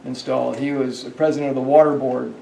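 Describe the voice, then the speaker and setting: A man's voice: medium pitch, little pitch movement, fast, creaky, dark tone, recorded from a distance, slight background noise. A man guiding a ghost tour through a hotel, telling stories in a rambling way with many fillers and restarts. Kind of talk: guided tour storytelling. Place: hotel hallway. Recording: echoey hallway, voice off-mic.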